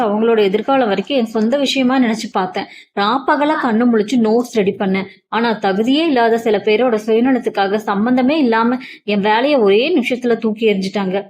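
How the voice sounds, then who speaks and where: A woman's voice: fairly high pitch, a little mellow, lightly acted. A woman voicing a proud young woman, a dismissed lecturer, speaking with indignant emphasis in a story reading. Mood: aggrieved.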